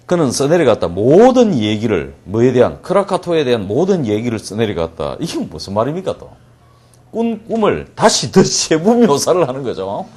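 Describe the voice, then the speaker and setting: Male English-reading teacher, husky, lively pitch, jokey lecture with acted-out asides. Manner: jokey, acts out scenes with quick asides and laughs. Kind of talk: lecture translating a story line by line.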